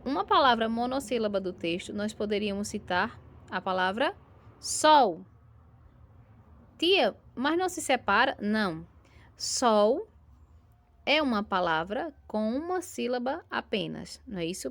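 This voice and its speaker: A primary school teacher with a Brazilian Portuguese accent gives a recorded lesson to young children, drawing out syllables patiently and checking in with lots of tag questions. Her medium-pitched, gravelly voice has lively intonation and a moderate pace.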